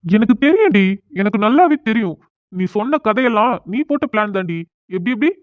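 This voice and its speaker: A man voicing a proud, quick-tempered young man in a cartoon drama, arguing bluntly. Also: sits high, animated, no room sound. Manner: argues fast and bluntly. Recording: tinny phone-like sound.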